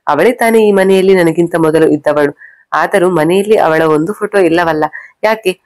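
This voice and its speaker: Woman doing a young bride, pushy questions, low voice, dry close sound. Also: normal speed, darkish tone, no echo, natural voice. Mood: demanding. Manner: pointed, demanding questions. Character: young newly married wife, suspicious and confronting.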